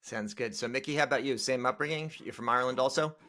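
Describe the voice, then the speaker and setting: A man's voice: medium pitch, quick pace, pushed and bright. A man hosting an interview podcast, asking questions in a loose, friendly way with restarts. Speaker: podcast host.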